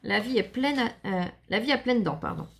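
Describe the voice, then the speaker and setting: A woman vlogger chatting casually to viewers while opening a scrapbooking parcel, gushing and enthusiastic with a slightly gravelly voice. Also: a little high, normal speed. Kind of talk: casual unboxing chat to viewers.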